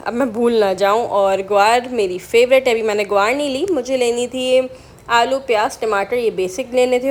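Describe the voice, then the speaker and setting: A young woman vlogger talking casually over her footage, chatting with viewers and asking them questions. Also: on the high side. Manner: chatty, often asks viewers directly.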